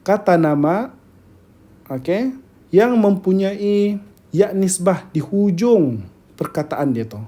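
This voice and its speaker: A man with a Malaysian accent teaching grammar in a lecture, speaking slowly, repeating key terms and often checking that students follow. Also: high voice, animated, dark tone.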